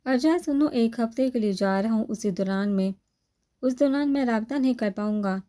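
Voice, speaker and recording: A woman's voice: fairly high pitch, dark tone, close to an everyday voice. A woman voicing a teasing young husband. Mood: tender. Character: young male police officer, teasing husband.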